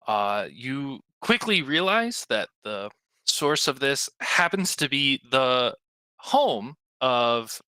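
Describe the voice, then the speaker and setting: A man's voice: mid-range voice, big pitch swings, slow, sharp tone, clear, resonant tone, no room sound. A man narrating a tabletop game as game master, casual and profane with many fillers.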